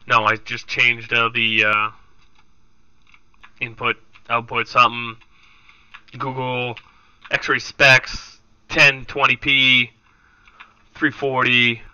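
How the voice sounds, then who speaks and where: A man's voice: medium pitch, level tone, slow pace, pauses often, pushed and bright, smooth, no room sound, highs cut off. A man streaming a game live, chatting casually and swearing freely with his friends. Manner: loose, profane, chummy banter.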